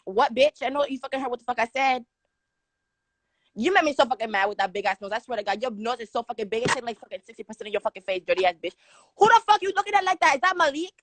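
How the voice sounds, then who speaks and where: A young woman calling in to a livestream, roasting the hosts in a rapid-fire, profane, mocking rant. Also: fairly high pitch, expressive, a bit bright, no echo. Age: young adult. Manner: rapid-fire crude insults, aggressive and mocking. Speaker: caller on a livestream.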